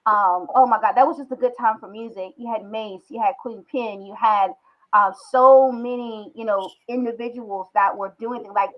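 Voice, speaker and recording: A woman hosting an interview, asking casual, enthusiastic questions in relaxed slang. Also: fairly high pitch, dull audio. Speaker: interviewer, host.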